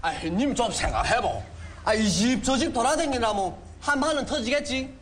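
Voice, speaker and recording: A man's voice: extremely high pitch, lively intonation, moderate pace, a bit bright. A man playing a brash, boastful younger bachelor in a comic sketch, effusive and exclamatory, with a Yanbian Korean accent from China. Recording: clear background noise with clicks.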